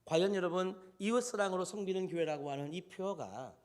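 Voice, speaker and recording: A man's voice: high voice, brisk. A male pastor preaching a sermon, animatedly speaking to his congregation directly.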